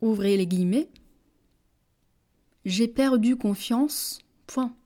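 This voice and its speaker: Woman, dictation reader, very slow and measured, warm mellow tone, repeats each phrase. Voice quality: measured, deliberate, dropping low on punctuation words. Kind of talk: slow French dictation, each phrase read twice with punctuation spoken.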